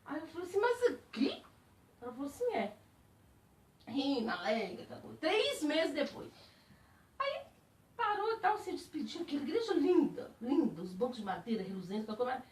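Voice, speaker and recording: A woman speaking as a spiritist, giving a personal testimony to a group in animated storytelling. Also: high-pitched, brisk, a little hiss or hum. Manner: animated storytelling, laughing while recalling. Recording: echoey room, distant mic.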